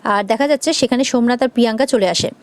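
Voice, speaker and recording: A woman quickly narrating an episode recap of a TV serial, reading out every character's lines in turn. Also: on the high side, dry recording.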